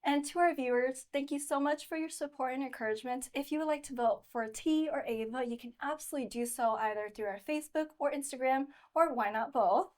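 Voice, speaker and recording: High-voiced, encouraging woman host. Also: a little fast, few pauses, darkish tone. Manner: encouraging, effusive. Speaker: host and pageant coach. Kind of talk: interview hosting.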